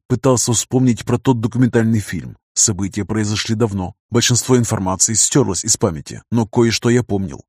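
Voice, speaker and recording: A man reading a first-person adventure audiobook in a measured way, slowing down for quoted speech. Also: fairly low pitch, a little mellow, no echo, studio quality. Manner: measured, slows down for dialogue and dictated letter. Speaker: audiobook narrator.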